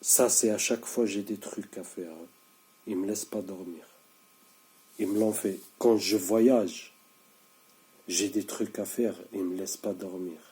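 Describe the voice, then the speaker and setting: Pausing often, a sleep-deprived man in his thirties speaks at a measured pace in a fairly low, mellow voice with fairly even intonation. He faces the camera for a casual monologue, insisting and repeating himself, frequently stumbling and restarting.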